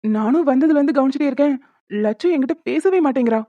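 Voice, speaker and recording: Voicing a fretful young father and husband in a cartoon, a fast-talking woman with a high, natural voice pleads in earnest worry. The recording is dry, dull, and lo-fi.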